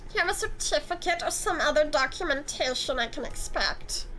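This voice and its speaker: Girl putting on a snooty drawling rich guy, talks down to everyone, kinda high. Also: lively intonation, fairly quick, pushed and bright, slight background noise, poor audio. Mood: condescending. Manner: drawling, theatrical, sneering. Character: smug pompous male antique dealer, condescending.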